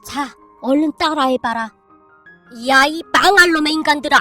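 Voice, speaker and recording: A woman voicing a stern, bossy old grandmother who drawls commands in a rough tongue, read as a storybook. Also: sits high, moderate pace, bright, forceful tone, faint music behind. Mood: stern coaching.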